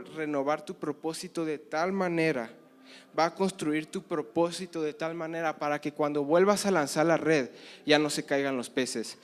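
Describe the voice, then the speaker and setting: A man's voice: a little high, clear, resonant tone. A young man preaching a sermon at a conference, telling Bible stories with passion and acting out the dialogue. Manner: impassioned storytelling, acts out Bible dialogue. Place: conference hall.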